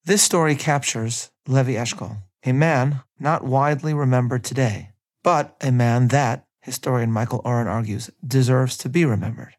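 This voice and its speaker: A man narrating a scripted history episode at a measured reading pace, adding his own opinions. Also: medium pitch, steady tone, a little mellow. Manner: measured reading with personal asides. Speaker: history podcast host.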